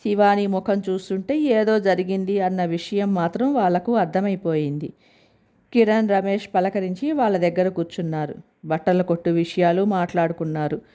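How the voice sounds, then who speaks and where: A woman narrating a family story aloud in a steady, plain storytelling manner. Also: mid-range voice, normal speed.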